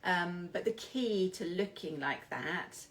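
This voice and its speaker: A British woman coach gives an informal style lesson, speaking slowly and hesitantly with self-deprecating, apologetic asides. Her voice is fairly low in pitch, animated and a bit bright.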